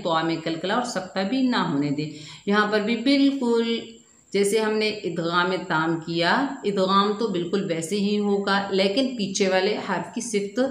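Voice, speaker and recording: A woman teaching children Quran recitation rules, asking questions and answering them herself, and drawing out syllables in slow drills. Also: lowish voice, echoey room. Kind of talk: children's tajweed lesson.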